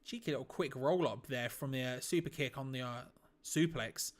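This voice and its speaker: A man streaming a live watch-along, giving casual, excitable play-by-play on a wrestling match and bursting out at big moves. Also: medium pitch, moderate pace. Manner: casual, blunt, swears lightly. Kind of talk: live play-by-play reaction commentary.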